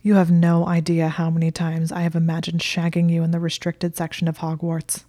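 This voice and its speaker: A woman voicing a smug, teasing young male wizard who loves long words, in a low, level voice. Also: monotone, brisk, warm tone, no echo, close to an everyday voice.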